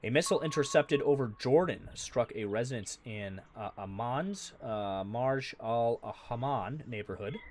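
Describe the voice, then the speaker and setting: A man's voice: mid-range voice, lively intonation, measured pace, hardly any pauses, darkish tone, slight background noise. A man hosting a live breaking-news stream, reading viewer comments aloud and talking unscripted with frequent fillers. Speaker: livestream news host.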